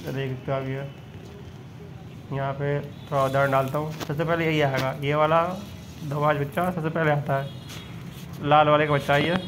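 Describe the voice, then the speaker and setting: A man's voice: a little high, little pitch movement, normal speed, long pauses, noisy background. A man vlogging from his rooftop pigeon loft, chatting to viewers as he points out his birds, filmed on a handheld phone. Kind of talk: casual filmed walkthrough.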